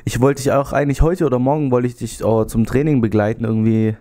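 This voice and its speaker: A young adult male YouTuber talks quickly in a steady, mellow, medium-pitched voice despite a slight cold. His casual vlog chat rambles with many fillers while he gestures, speaking into a handheld mic held close in his small bedroom with a TV and gaming gear.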